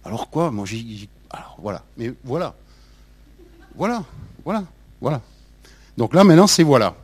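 A man's voice: medium pitch, lively intonation, fairly quick, darkish tone, husky, no room sound. A man in his sixties with a light south-western French accent, giving a playful, mock-indignant spoken column on language, full of hesitations. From south-west France. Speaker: radio columnist.

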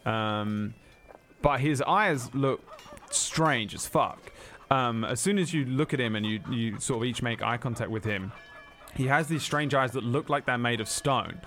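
A man narrating a tabletop game as game master, rambling with many pauses and ums. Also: medium pitch, a bit bright.

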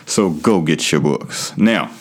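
A man's voice: extremely low pitch, lively intonation, slow. A man hosting a podcast solo in a casual, slangy, conversational way, talking straight to his listeners. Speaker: podcast host.

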